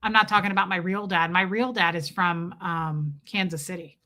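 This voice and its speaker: Her lowish voice is steady, pushed and bright, moving at a normal speed. She's a Southern woman from the Nashville area hosting a laid-back livestream, chatting away, reading comments, addressing viewers by name and restarting herself a lot.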